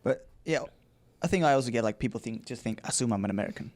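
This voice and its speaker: A man from Iceland co-hosting a casual podcast chat, joking and quick to laugh. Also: medium pitch, lively intonation, darkish tone. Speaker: podcast co-host.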